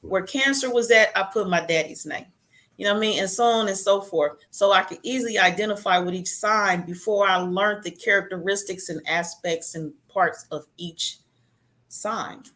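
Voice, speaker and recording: A woman chatting casually, telling personal stories with a warm, conversational flow. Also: mid-range voice, moderate pace. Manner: chatty, storytelling.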